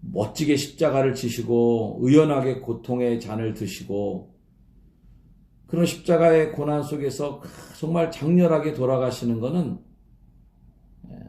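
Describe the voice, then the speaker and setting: A man's voice: medium pitch, mellow. A male pastor giving an early-morning sermon in a conversational way, sometimes acting out mocking voices. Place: church. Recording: echoey church room.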